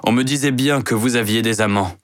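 A man's voice: medium pitch, brisk, dry recording, studio quality, pitched above the performer's own voice, natural voice. A man playing a proud, passionate wealthy store owner who speaks sternly.

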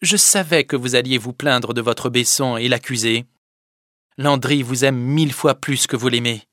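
In a dry, studio-quality audiobook recording, a man lightly acts the part of a stern young village girl who gives commands and scolds firmly before softening. He uses a mid-range voice at normal speed.

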